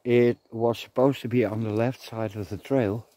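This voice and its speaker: A man's voice: medium pitch, fairly even intonation, normal speed, mellow. A man vlogging outdoors on a forest trail in light rain, chatting to himself and the camera in a rambling way. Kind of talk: casual outdoor vlog narration. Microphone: camera on a tripod.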